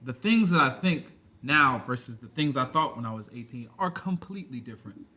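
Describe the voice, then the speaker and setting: In his twenties and appearing as a podcast guest, this man talks in a loose, rambling, casual way, constantly dropping "you know what I'm saying." His medium-pitched voice is animated, pushed, and bright, and he speaks fairly quickly.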